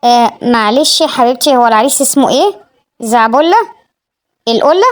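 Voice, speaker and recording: A woman's voice: a little high, expressive, a little fast, lightly acted. A woman playing an exasperated middle-aged mother with an Egyptian accent who scolds and nags her daughter. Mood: scolding. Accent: Egyptian Arabic. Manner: scolding, nagging.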